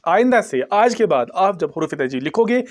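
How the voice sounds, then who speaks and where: Higher-voiced man teaching letter sounds. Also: very animated. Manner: deliberate, repeats each letter sound and spells it out in English letters. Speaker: Urdu teacher. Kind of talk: explanatory language lesson.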